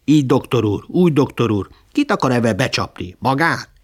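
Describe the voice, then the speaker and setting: A man reading aloud, voicing a scornful, sharp-tongued peasant woman of about fifty in a storybook reading. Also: mid-range voice, expressive, slightly rough. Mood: scornful outburst.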